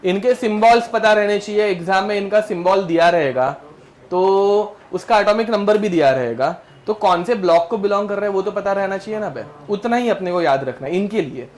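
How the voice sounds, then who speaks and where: Male chem teacher, high voice, drills students with mnemonics. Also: a little fast. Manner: drills mnemonics, scolds students, Hindi mixed with English terms. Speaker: chemistry teacher. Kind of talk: classroom lecture.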